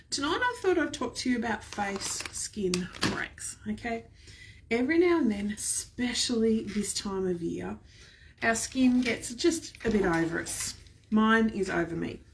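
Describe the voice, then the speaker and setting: A woman's voice: fairly high pitch, vocal fry, slight background noise. A woman hosting a chatty, gushing live skincare demonstration from home, filmed by a camera set some distance away. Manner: chatty, gushing, addresses viewers fondly. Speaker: skincare product seller.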